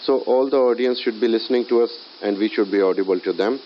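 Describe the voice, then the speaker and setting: Male lecturer, lowish voice, hesitant "uh" fillers, dull lo-fi recording. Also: fast. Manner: frequent "uh" fillers and restarts, explanatory. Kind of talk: classroom lecture. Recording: dull lo-fi recording with faint hiss.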